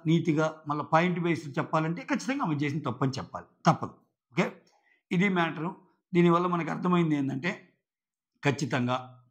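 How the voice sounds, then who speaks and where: Man, casual show commentary, slightly high voice, dull lo-fi sound. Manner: chatty, acts out quoted lines. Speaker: show reviewer.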